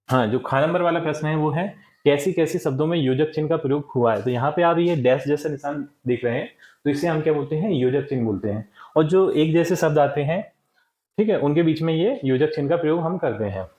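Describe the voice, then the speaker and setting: A teacher with a slightly high, darkish voice explains a textbook lesson to children in an echoey room. He patiently asks and answers his own questions, checking in with repeated "ठीक है".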